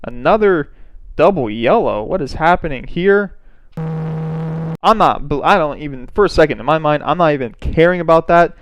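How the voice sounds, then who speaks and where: A man casually commenting over his own racing footage, excitable, with many restarts and catchphrases. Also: a little high, moderate pace, muffled recording. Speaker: race driver narrating his onboard footage.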